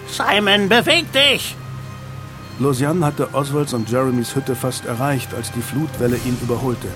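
A man reading an audiobook in steady scripted narration. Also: mid-range voice, normal speed. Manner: steady storytelling. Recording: music bed underneath.

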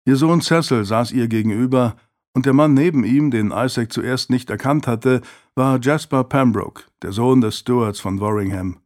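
A male narrator reading a novel in a calm, measured way. His pitch sits in the middle range. The delivery is steady scripted narration. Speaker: audiobook narrator.

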